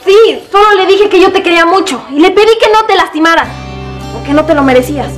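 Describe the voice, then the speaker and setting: Teen girl, Mexican accent, extremely high pitch, excitable sitcom delivery, music behind. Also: fast. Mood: explaining. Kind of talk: television teen sitcom acting.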